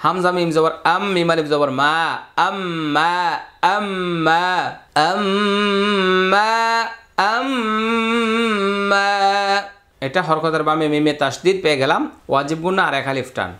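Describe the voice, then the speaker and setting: A man teaching Quran reading in a Bangladeshi Bengali accent, spelling out letters and vowel marks, then chanting the words slowly. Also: fairly high pitch, sharp tone. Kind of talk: step-by-step recitation lesson.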